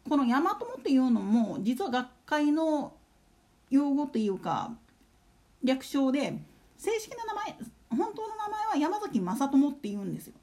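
A woman's voice: high-pitched, sing-song, a little slow, dark tone. A woman hosting a casual solo talk show, chatting and putting rhetorical questions to her listeners. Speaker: solo radio talk host.

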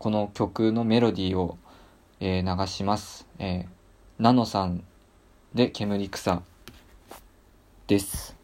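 A man's voice: low voice, a little mellow. A man hosting a casual talk show, speaking politely with many hesitant fillers. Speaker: podcast host.

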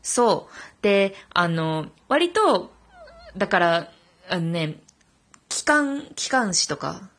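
Loud Hakata-accented woman, trained reader. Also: mid-range voice, sing-song, slow pace, pauses often. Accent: Hakata dialect. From Fukuoka, Japan. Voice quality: slightly lisped sh sounds. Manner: loud, projects from the belly, trained former broadcast-club reader. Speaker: podcast host. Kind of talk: casual solo talk, then recitation of a classical tongue-twister piece.

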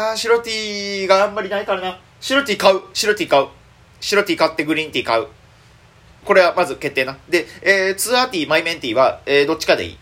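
A young man with a Kansai accent, hosting a solo chat show as a comedian, thinking aloud excitedly and fretting as he rambles. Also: a little high. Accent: Kansai Japanese. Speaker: comedian and podcast host.

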